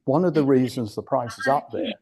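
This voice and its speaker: A loud crowd surrounds this older man from the UK as he gives a club an informal talk. He has a mid-range voice and speaks a little fast, bluntly wandering off topic and restarting his sentences often.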